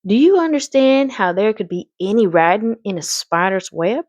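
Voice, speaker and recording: A woman's voice: medium pitch, lively intonation, moderate pace, a little mellow, no echo, lightly acted. A woman voicing a fretful, proper mother in a storybook, with an anxious, earnest and rather vague manner. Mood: nervous, puzzled.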